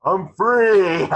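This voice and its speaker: A man voicing a pompous, scheming sea-monster supervillain with a gravelly, husky voice in a cartoon table reading. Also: mid-range voice, fairly bright tone, exaggerated voice. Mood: menacing. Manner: pompous, theatrical.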